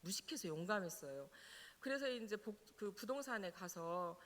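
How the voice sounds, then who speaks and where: Lively middle-aged woman pastor. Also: medium pitch, moderate pace. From Jeolla, South Korea. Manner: animated storyteller, laughing now and then. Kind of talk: personal testimony in a sermon. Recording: reverberant church hall.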